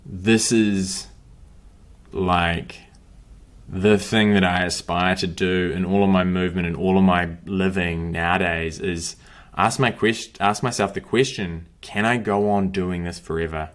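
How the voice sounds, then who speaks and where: In a low, steady voice at a measured pace, a young man finishes his running course with a brief, upbeat talk to camera. As a running and breathing coach, he keeps his phrases short and motivating.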